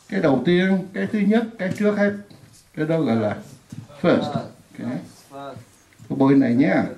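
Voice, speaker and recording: Slow, patient woman teacher in echoey room. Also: low voice, mellow. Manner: patient, repeats words for drill. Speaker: English teacher. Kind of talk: classroom lesson.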